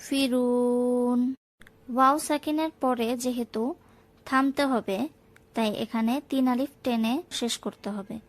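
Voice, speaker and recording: A woman whose first language is Bengali, teaching Quran recitation. She chants verses slowly and carefully, drawing out each sound, then explains the pronunciation rules in plain speech. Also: a little high, dry recording.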